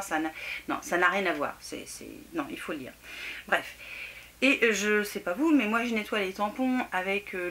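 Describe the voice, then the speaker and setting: A woman's voice: mid-range voice, pushed and bright, a little hiss or hum. A middle-aged woman chatting casually to camera about a craft haul, laughing at herself and filling with lots of little hesitations. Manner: chatty, laughing, self-mocking, lots of fillers. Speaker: craft vlogger. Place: home room near a table.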